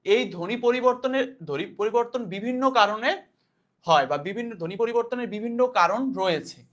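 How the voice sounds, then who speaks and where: High-voiced man teaching a class. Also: fairly quick, a bit bright. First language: Bengali. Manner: explains in loose spoken Bangla, repeating points and asking questions back. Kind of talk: casual classroom lecture.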